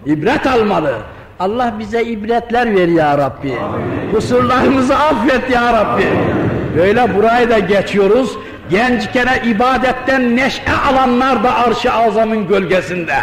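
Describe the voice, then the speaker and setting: An older Sufi sheikh delivers a storytelling sermon, fervent and reciting sacred verses. His voice is unusually high for a man. It booms through a roomy hall with a long, trailing reverb. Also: expressive, measured pace, crowd noise. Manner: fervent, recites Arabic verses, at times shouting.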